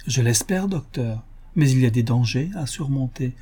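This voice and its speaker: A man's voice: medium pitch, expressive, moderate pace, warm tone, breathy edge. A man voicing a haughty, scheming aristocratic mother who talks in a sugary, insistent, lofty tone, reading an audiobook novel. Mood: pleading, wheedling.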